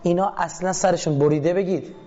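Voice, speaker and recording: A man's voice: sits high, fairly even intonation, mellow, muffled recording, a little hiss or hum. A man lecturing as a media critic, who keeps asking his audience questions and answering them himself. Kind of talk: lecture analysing a film clip.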